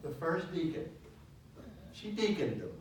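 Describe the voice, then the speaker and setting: A man leading a church Bible study, animated and asking his listeners questions as he teaches. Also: a little high, measured pace, a little hiss or hum. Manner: animated, asks questions of the class. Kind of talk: teaching sermon. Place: church hall. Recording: echoey hall, mic at a distance.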